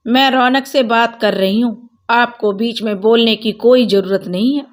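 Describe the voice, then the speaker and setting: A woman's voice: a little high, normal speed, close to an everyday voice. A woman voicing a furious young wife. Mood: bitter. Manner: shouting, bitter, cutting sarcasm. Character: angry young wife, sharp and accusing.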